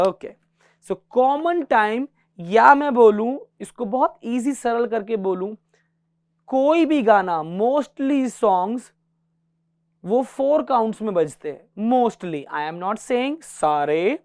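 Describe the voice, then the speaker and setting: A man's voice: high voice, darkish tone, clear, resonant tone, no echo, clean studio sound. A man teaching a guitar class, patiently counting beats aloud and mixing English terms into his explanations. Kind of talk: classroom music lesson.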